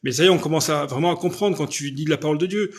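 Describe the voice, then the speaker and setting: Loud, insistent French-speaking preacher. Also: male voice, on the high side, rapid-fire. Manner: loud, insistent speech with frequent rhetorical checks. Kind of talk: live-stream preaching, answering viewers' questions.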